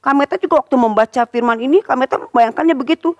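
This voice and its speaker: A woman teaching Sunday school, telling a Bible story to children in a lively, expressive way and speaking straight to the kids. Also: high voice, fast, dry recording, dull audio. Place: church.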